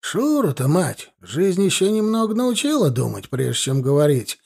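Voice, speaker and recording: A man's voice: fairly high pitch, very animated, normal speed, vocal fry, darkish tone, breathy edge, voice pushed up, heavily acted. A man playing a defensive, muttering village homeowner in his sixties, grumbling about his neighbours.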